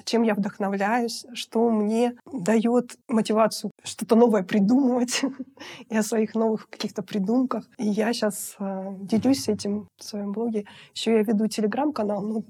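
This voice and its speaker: A woman in her fifties, a guest in an interview, talking in a lively, chatty way and laughing easily. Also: mid-range voice, normal speed, slightly rough. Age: 50s. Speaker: guest, outsourced finance director. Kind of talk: casual interview talk.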